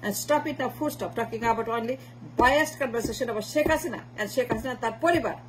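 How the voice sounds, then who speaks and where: A woman giving a forceful political monologue, mixing Bengali and English with insistent repetition. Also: on the high side, slow, slight background noise, rough recording. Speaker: political commentator.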